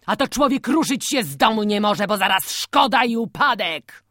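A woman doing a gruff old farmer. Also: mid-range voice, lively intonation, moderate pace, fairly bright tone, dry recording, clean studio sound, pitched above the performer's own voice, natural voice. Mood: angry. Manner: angry scolding peasant dialect. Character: old village farmer, gruff, quick-tempered.

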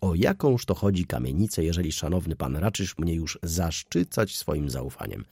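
A man reading an audiobook voices a scheming middle-aged male lawyer who talks in an animated, persuasive, theatrical way. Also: low-pitched, moderate pace, slightly rough, no echo, clean studio sound, heavily acted. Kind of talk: audiobook character voice.

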